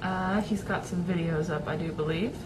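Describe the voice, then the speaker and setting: A woman's voice: on the low side, steady tone, moderate pace, noisy background. A young woman talking casually to her webcam in a small room at home, rambling with lots of fillers. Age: young adult. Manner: rambling, chatty, many fillers and restarts. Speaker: vlogger. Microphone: webcam at desk.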